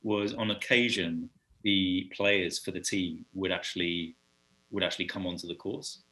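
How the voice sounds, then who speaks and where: A British man, a podcast guest, telling stories in a casual and animated way. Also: deep voice, moderate pace. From United Kingdom. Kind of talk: casual storytelling chat.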